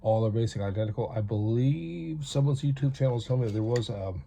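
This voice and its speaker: A man's voice: mid-range voice, fast talker, vocal fry, warm tone, a little hiss or hum. A man from North America giving a rambling, chatty hands-on toy review with self-aware asides.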